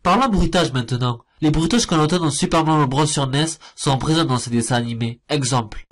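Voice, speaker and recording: A slightly high, slightly fast male voice delivers jokey, sarcastic commentary on cartoon clips. He's a cartoon reviewer mocking what he shows.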